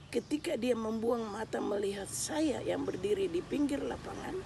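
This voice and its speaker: A woman giving a spoken religious testimony, telling her story earnestly and building to loud, tearful intensity. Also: on the high side, lively intonation, normal speed, vocal fry, background noise.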